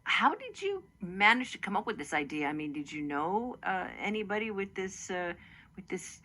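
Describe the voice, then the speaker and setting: A woman's voice: mid-range voice, big pitch swings, normal speed, pushed and bright, a little hiss or hum. A woman hosting a public radio interview in a conversational, searching way, often feeling for her words.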